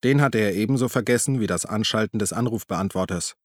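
A man narrating a crime novel in a measured, even tone. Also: lowish voice, no room sound, studio quality. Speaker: audiobook narrator. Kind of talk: scripted narration.

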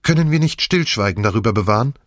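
A man voicing an agitated young woman who talks in a hurried, urgent way. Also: on the low side, expressive, no echo, studio quality, pitched above the performer's own voice, lightly acted. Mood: urgent, pleading.

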